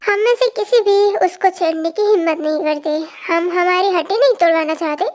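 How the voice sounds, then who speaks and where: Reading a fan story aloud in a very high voice, a storyteller performs every character's lines with energy, jumping quickly from one to the next.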